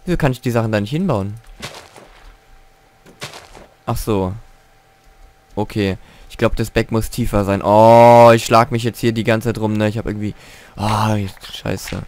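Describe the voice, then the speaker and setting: A man giving casual gameplay commentary at home, excitable, swearing and grumbling at the game as he plays. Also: lowish voice, normal speed, a little hiss or hum. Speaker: let's play gamer.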